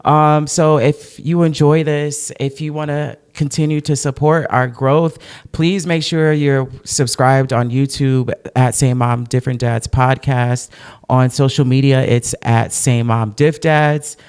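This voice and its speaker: A young man talking easily as a podcast co-host, chatty and animated. His delivery is loose and conversational, the tone of an episode sign-off among friends. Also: medium pitch, clear, resonant tone. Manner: chatty, animated, quick to laugh. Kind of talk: casual podcast chat.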